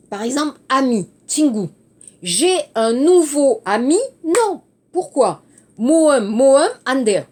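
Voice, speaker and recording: A teacher walks her class through exercise answers at an unhurried pace. Her voice sits high and moves a lot, rising and falling as she spells out endings and explains each adjective in simple terms. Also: darkish tone. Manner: slow, spelling out words and switching into Korean glosses. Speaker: French teacher. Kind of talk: online language lesson, correcting exercises.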